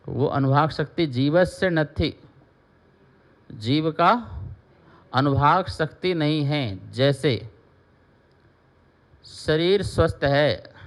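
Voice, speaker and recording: A man, a Jain monk, teaches scripture in a slow, unhurried voice that sits a little high. He chants verses with deliberate care, then explains each term, repeating it and asking his listeners questions.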